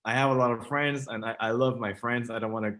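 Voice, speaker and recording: A Thai-accented man in his thirties, who grew up speaking Thai, tells his story as an interview guest. His voice is bright and forward at a middle pitch, and his talk is loose and friendly. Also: steady tone, fast. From Thailand. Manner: chatty, laughs often, non-native phrasing. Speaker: startup co-founder, guest. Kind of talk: casual interview.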